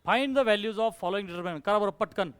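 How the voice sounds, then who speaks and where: Brisk male maths teacher. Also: high-pitched, clear, resonant tone. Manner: brisk, coaxing, quizzes students, calls them 'beta'. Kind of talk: classroom lecture with student call-and-response.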